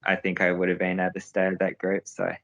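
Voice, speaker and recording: A man's voice: low-pitched, completely flat delivery, fast talker, fairly bright tone, poor audio. A young man, a professional cyclist, answering interview questions in a hesitant way, with many fillers and restarts.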